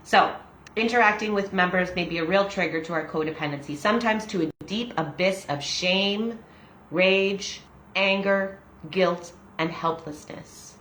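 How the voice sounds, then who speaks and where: A woman's voice: medium pitch, a little slow, fairly bright tone, slight background noise. A woman in her forties hosting a casual video, reading a daily meditation aloud and chatting about her own experience with laughs and fillers. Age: 40s. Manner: chatty and self-disclosing, with laughs and frequent fillers. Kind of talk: casual reading with personal reflection. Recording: echoey room.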